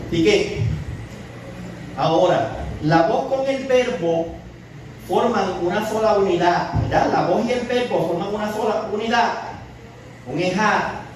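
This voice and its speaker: A Puerto Rican man with a Puerto Rican Spanish accent teaches the weekly Torah portion to a congregation, speaking in a high, darkish voice. He asks the audience questions, repeats words, and often tags on "¿verdad?". The recording is very echoey, distant and noisy.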